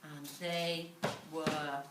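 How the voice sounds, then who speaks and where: A woman with a deep voice tells a children's story animatedly, using repetition, dramatic pauses and questions for her listeners. The mic is distant in a roomy space, and the recording is clearly noisy.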